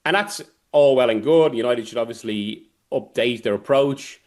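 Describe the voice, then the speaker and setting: A guest journalist with a medium-pitched, slightly mellow voice analyzes football in a sports discussion. His delivery halts and rambles, and he keeps interrupting himself while working through a point.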